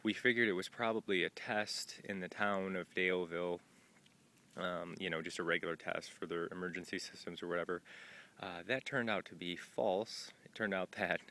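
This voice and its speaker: A man's voice: deep voice, fairly even intonation, normal speed, sharp tone. A man filming an outdoor vlog at a trail shelter on a long hike, talking loosely with many fillers. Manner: rambling and informal, with many "uh" and "um" fillers. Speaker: thru-hiker vlogging his trail day.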